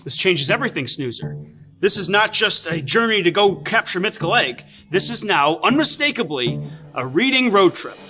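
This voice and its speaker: A man's voice: sits high, big pitch swings, moderate pace, over music. A man voicing an earnest, dramatic adventurous friend in a children's cartoon.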